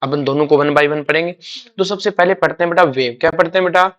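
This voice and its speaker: During a classroom chemistry lecture, a man with a fairly bright voice on the high side explains concepts through homely examples. He often checks understanding with quick questions, repeats key words and has students repeat them, calling them "beta".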